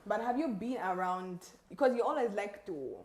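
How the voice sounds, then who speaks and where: A woman's voice: mid-range voice, animated, normal speed, darkish tone. A woman with a Zambian accent interviewing casually, with probing, teasing questions. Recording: roomy, echoing sound.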